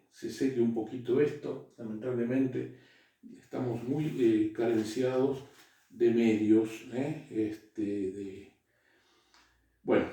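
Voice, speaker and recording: A man giving a classroom lecture, halting, with frequent "eh" and checks that students follow. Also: mid-range voice, mellow. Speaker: teacher. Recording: echoey room, voice from far off.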